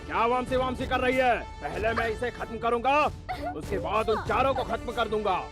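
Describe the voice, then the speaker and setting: Arjun, a sneering film villain. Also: male voice, extremely high pitch, normal speed, over loud music. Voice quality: threatening, sneering. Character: menacing adult male villain holding a hostage. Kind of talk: Hindi film dubbing. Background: loud film score.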